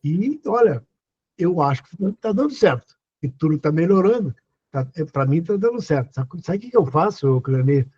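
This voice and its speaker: Older man, husky voice. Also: fairly high pitch, animated, moderate pace, dark tone, highs cut off. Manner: earnest, repeats questions to the listener. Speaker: host. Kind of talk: casual advice talk on a live stream.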